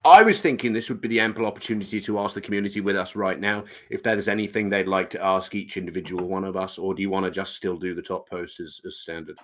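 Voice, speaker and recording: Bloke on a gaming podcast stream, jokey, a bit theatrical. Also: male voice, sits low, steady tone, fast, hardly any pauses. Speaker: podcast co-host. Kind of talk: casual livestream chat.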